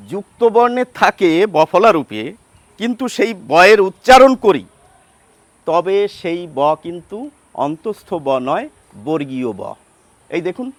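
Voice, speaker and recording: High-voiced Bengali teacher, slow and deliberate. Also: male voice, no room sound. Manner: deliberate, sounds out example words, asks questions then answers them. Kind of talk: grammar lesson.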